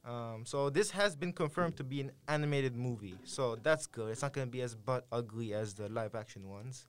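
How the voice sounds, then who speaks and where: A man's voice: mid-range voice, normal speed. A young man hosting a casual podcast chat, reading out news with frequent ums and laughter. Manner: hesitant, many ums, laughs often. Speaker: podcast host.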